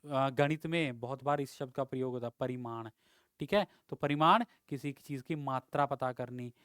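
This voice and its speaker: A man's voice: mid-range voice, moderate pace, fairly bright tone, clear, resonant tone, no echo, clean studio sound. A male teacher giving an exam-prep Hindi lesson, explaining words with rhetorical questions and frequent checks of "ठीक है".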